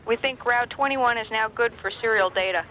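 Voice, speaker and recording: Bright mission control man, crackly space radio. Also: very high-pitched, brisk. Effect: breaking-up space radio transmission. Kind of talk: procedural space-to-ground radio chatter. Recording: noisy, breaking-up space radio link.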